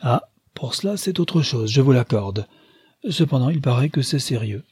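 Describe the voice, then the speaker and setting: A man voicing an elderly noblewoman, a grandmother who talks briskly and emphatically and gets straight to the point. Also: mid-range voice, animated, darkish tone, slightly rough, dry recording, studio quality. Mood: emphatic.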